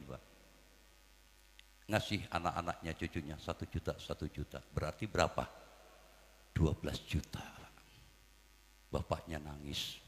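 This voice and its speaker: A man preaching a comic sermon, swinging between loud calls to the crowd and quiet asides. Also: sits low, long reverb tail, a little hiss or hum.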